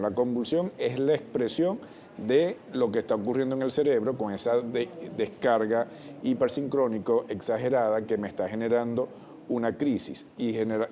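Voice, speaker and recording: A male doctor talks through medical points in a TV interview. His voice is dark and mellow, and he sits at an even middle pitch. He is measured and technical, and he often corrects himself mid-word. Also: a little hiss or hum. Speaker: pediatric doctor guest. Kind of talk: explanatory television interview.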